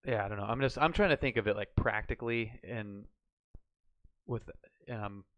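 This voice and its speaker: Speaking at normal speed in a lowish voice, this flight sim streamer is learning radio procedures on a live stream with lo-fi sound. He chats casually, working through hypothetical situations out loud.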